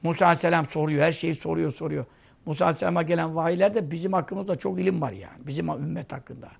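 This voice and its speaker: A man's voice: fairly high pitch, fast, gravelly. A man giving a sermon, telling vivid stories and asking rhetorical questions. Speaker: preacher.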